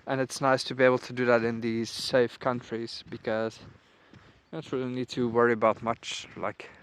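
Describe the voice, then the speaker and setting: A young man vlogging while walking outdoors through a small town, musing aloud in a relaxed, casual way. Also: mid-range voice, normal speed, slight background noise. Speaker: travel vlogger. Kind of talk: casual walking vlog narration.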